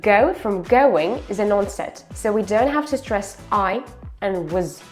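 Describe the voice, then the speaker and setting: Slow, careful woman pronunciation teacher. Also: medium pitch, animated, a little mellow, soft background music. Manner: models each word twice, then explains the mouth position.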